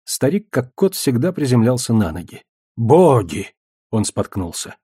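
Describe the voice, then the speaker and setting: Husky male audiobook narrator. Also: mid-range voice, sing-song, normal speed, dark tone, dry recording, clean studio sound. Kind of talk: first-person audiobook narration.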